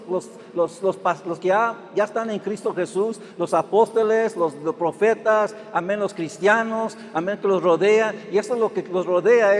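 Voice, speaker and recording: A male pastor with a high voice preaches a sermon, punctuating nearly every phrase with "amen". He often restarts his words. The sound rings with a long reverb from a large hall. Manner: repeats amen and hermanos constantly, with restarts; acts out whiny complaints in a raised voice.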